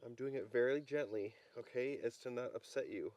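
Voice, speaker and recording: A man vlogging casually from a wilderness campsite, chatting in a relaxed way and gently coaxing his dog. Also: mid-range voice, fairly quick. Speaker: outdoor vlogger. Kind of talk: casual vlog narration.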